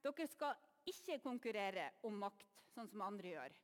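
A woman's voice: mid-range voice, big pitch swings, big-room sound, natural voice. A woman voicing Jesus as an exasperated man who scolds his quarrelling disciples with a raised, urgent voice. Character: exasperated male Jesus calming rowdy disciples.

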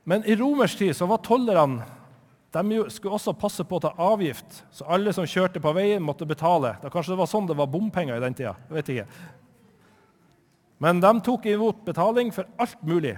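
A man from Northern Norway telling a Bible story to children in church, lively and chatty, asking his listeners questions. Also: sits high, big-room sound.

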